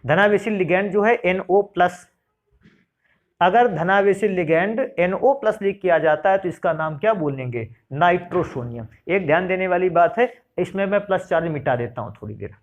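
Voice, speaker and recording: Middle-aged male chemistry teacher, animated and fairly high-pitched, repeats terms, asks and answers his own questions. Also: normal speed, muffled recording. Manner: addresses students fondly as "beta"; repeats key terms for emphasis. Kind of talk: classroom lecture.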